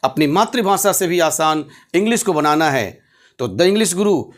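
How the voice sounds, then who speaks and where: Slow, lively high-voiced male English tutor. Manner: emphatic, repeats key words and asks rhetorical questions. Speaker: English teacher. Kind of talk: explanatory language lesson.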